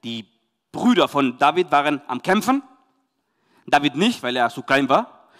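A man from Chile with a Spanish accent, a youth pastor telling a Bible story to children and parents in lively, emphatic German. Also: a little high, a little slow, long reverb tail.

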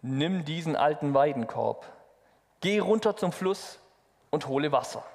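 A man voicing a calm, patient old grandfather in a gentle storytelling tone. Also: a little high, a little slow, creaky. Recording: long hall reverb.

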